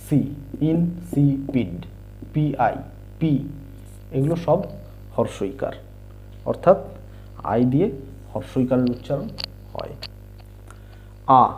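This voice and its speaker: A man teaching English sounds in a slow explanatory lesson, spelling out letters and patiently repeating each word. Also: mid-range voice, darkish tone. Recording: dull lo-fi recording.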